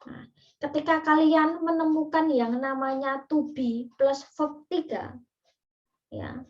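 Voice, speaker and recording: A woman's voice: sits high, slow pace. A woman with an Indonesian accent teaching an English grammar class, explaining step by step with frequent fillers and asides. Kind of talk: online class lecture. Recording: distant, muffled lo-fi recording.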